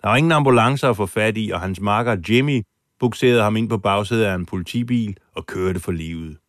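A man's voice: on the low side, no echo, studio quality. A man telling a true story as host in scripted documentary narration, acting out the quoted lines with drama. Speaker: podcast host and foreign correspondent.

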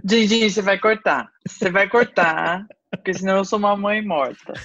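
A woman's voice: medium pitch, steady tone, normal speed, fairly bright tone, dry recording. A woman in her fifties with a Brazilian accent, a guest talking in a chatty, playful way over a call line. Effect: heard over a call line. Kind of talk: casual chat. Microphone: call from home. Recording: muffled call audio, faint music behind.

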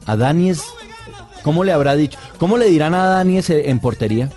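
A man's voice: a little high, expressive, a little fast, mellow, soft background music. A man, a guest actor chatting casually on a radio show and telling stories in a laid-back, joking way.

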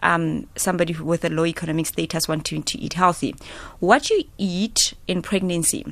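A South African woman with a fairly low voice gives advice as a radio guest. She is plain-spoken and conversational, explaining with everyday examples on a close, dry studio microphone. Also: a little fast, creaky, no room sound.

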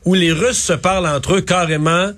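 A middle-aged man with a Québécois accent, co-hosting and commenting on politics in a casual, quick way, with many fillers. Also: high voice, steady tone, a bit bright, no echo. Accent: Québécois French. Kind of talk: news panel commentary.

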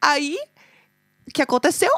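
High-voiced, animated Brazilian woman storyteller. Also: moderate pace, dry recording, clean studio sound. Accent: Brazilian Portuguese. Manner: animated storyteller, acts out quotes, laughs often. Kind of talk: casual chat.

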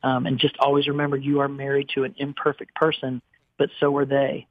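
A man's voice: mid-range voice, monotone, brisk. A man in his forties, a guest singer, telling personal stories in an earnest, emotional way with many restarts. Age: 40s. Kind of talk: candid storytelling on a radio interview. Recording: dry, phone-like line.

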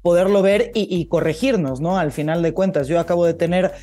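Woman commentator, low and mellow, supportive co-host tossing in agreement; faint music behind. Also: fairly quick. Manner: supportive, interjects brief agreement. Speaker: football commentator. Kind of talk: casual chat.

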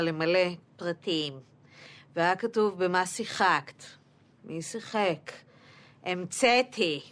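A female comedian tells a story in a casual, chatty way. Her voice is on the low side, with faint music behind.

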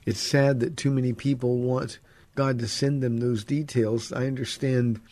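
This call-in radio host is a pastor delivering Bible teaching at a moderate pace, relaxed and conversational, with plenty of fillers. Recorded in a radio studio, his voice sits deeper than usual since he's under the weather.

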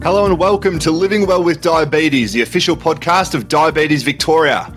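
A man's voice: fairly high pitch, a little fast, over music. An Australian man hosting a podcast interview from home, friendly and chatty, a bit throaty with covid. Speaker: podcast host.

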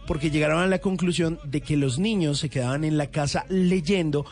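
A man's voice: a little high, moderate pace, darkish tone, soft background music. A man hosting a casual chat, rambling on with trivia. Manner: enthusiastic, rambling storyteller. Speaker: host.

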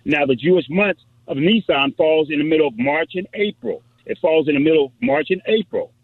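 A man's voice: a little high, expressive, a little fast, creaky, no echo. A man, a pastor, calling in to a radio show over the telephone line, eager and repeating himself as he cites scripture verses. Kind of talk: phone-in radio call. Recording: narrow tinny phone line, dry.

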